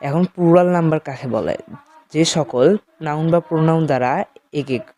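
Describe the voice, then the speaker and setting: A man teaching beginners in a slow, explanatory way with a Bengali accent, talking directly to his students. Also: on the high side, a little mellow. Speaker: English teacher. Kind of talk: spoken lesson.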